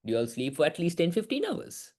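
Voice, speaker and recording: A young man teaching an online business class, asking lots of quick questions. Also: mid-range voice. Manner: lively, keeps asking "right?", mixes in Sinhala words. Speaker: business studies tutor.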